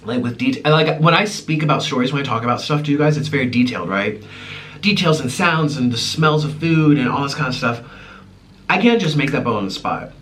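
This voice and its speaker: Chatting casually as he eats at home, this mukbang host is a twentysomething man born in Ukraine and brought up in the United States. He talks briskly and expressively at a medium pitch, his tone fairly bright. A slightly distant mic picks him up along with faint room noise.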